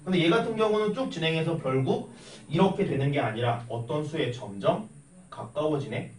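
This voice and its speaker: A young man teaching math in a classroom, chatty and animated, telling stories and tossing questions at his students. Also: fairly high pitch, fairly quick. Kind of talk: classroom lecture with storytelling. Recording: echoey classroom from a distance with faint noise.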